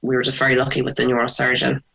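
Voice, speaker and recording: A woman with a west of Ireland accent recounting personal memories in an interview, reflective and pausing softly as she goes. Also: a bass voice, monotone, vocal fry, breathy edge. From Sligo, west of Ireland.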